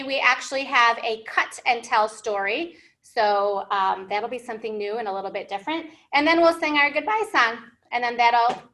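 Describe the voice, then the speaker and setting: Her voice is high-pitched, bright, and forceful. This American woman in her thirties runs an interactive library storytime lesson for young English learners from a seat at a whiteboard indoors, offering simple encouragement in a teacherly way and posing questions.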